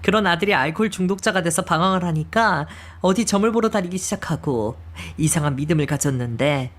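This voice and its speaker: Woman doing a tearful remorseful mother. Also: lowish voice. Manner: emotional, pleading, sighing. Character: remorseful middle-aged mother, tearful and pleading. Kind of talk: audio drama reading.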